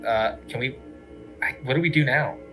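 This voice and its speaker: A man's voice: mid-range voice, moderate pace. A man giving casual, sarcastic gameplay commentary, full of joking asides. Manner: sarcastic, wisecracking. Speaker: game commentator. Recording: game music in the background.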